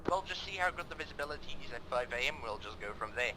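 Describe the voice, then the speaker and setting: A man's voice: medium pitch, lively intonation, quick pace, noisy background. A man reporting to command over a helmet radio in a tactical game, in terse, procedural radio talk. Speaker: squad leader reporting to command.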